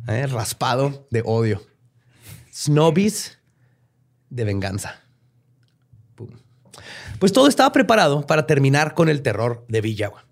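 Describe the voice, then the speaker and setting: A man's voice: medium pitch, big pitch swings, measured pace, vocal fry, long pauses. A man with a Mexican accent, hosting a podcast and telling a history story casually, full of slang, swearing and jokey asides. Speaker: podcast host narrating history.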